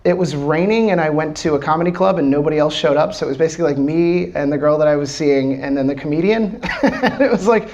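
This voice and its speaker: A startup founder from Washington, D.C. gives a loose, casual live talk to a small audience, filling it with "um"s and swearing freely. His American voice is on the high side, quick, and a little mellow, and the audio sounds dull.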